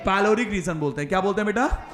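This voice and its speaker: A male biology teacher with a high voice and a north Indian accent leads a classroom lecture, firing questions and repeating the answers back in a call-and-response drill. His voice rings around an echoey classroom. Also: lively intonation, racing, a bit bright, soft background music, some chatter behind. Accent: Hindi-speaking north Indian. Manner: repeats questions and answers, calls listeners beta and sir.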